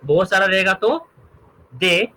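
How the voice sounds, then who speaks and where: A man's voice: high-pitched, expressive, takes it slowly, bright, forceful tone, rough recording. A man teaching a grammar lesson, explaining through examples and often checking that his students follow. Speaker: English teacher.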